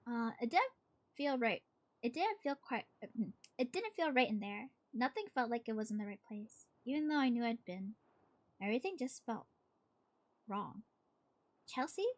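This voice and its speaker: A woman reading a horror story aloud like a horror host, dramatic and suspenseful, with pauses and the odd stumble. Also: a little high, expressive. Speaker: streamer reading horror stories to a live chat.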